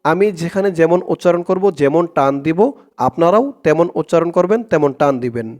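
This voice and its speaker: A man with a Bangladeshi accent teaching Quran recitation, spelling out Arabic syllable by syllable and chanting the phrases in long drawn-out tones. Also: on the high side, darkish tone. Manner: slow, drawn-out chanting of the Arabic phrases, plain spoken explanations.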